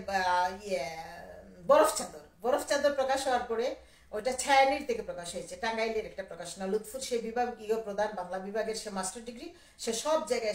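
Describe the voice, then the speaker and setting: A woman poet from Sylhet tells her memories in a loose, animated way, often slipping into quoted dialogue. Her voice sits a little high. She sounds set back from the mic in an echoey room. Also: far from the mic. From Sylhet, Bangladesh. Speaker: poet and writer. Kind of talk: casual reminiscing monologue on a live video.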